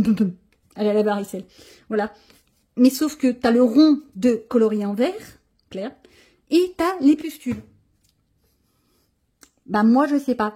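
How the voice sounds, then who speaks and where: A woman's voice: high-pitched, warm tone, slightly rough. A woman hosting a coloring channel, chatting casually and showing her pages, grumbling and poking fun at herself. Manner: chatty, grumbling and self-mocking.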